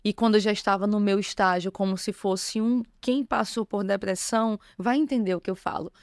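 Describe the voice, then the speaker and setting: A woman's voice: medium pitch, steady tone, brisk, dry recording, clean studio sound. Earnest woman telling her testimony. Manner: earnest, emotional storytelling. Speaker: bishop, guest. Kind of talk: personal testimony in an interview.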